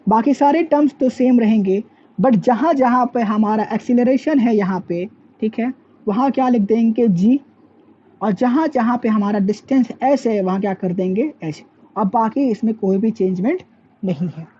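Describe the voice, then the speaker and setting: A woman giving a physics lecture speaks at a moderate pace in a slightly high, dark, somewhat rough voice, asking and answering her own questions and working English terms into the talk. The recording is lo-fi and dull with a little background noise.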